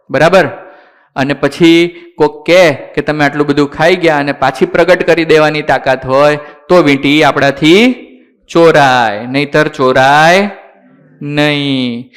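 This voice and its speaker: A man telling a sacred story to children in a sermon. He talks slowly, asks the listeners questions and answers them himself, and mixes in English words. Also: fairly high pitch, fairly bright tone. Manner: slow, deliberate delivery.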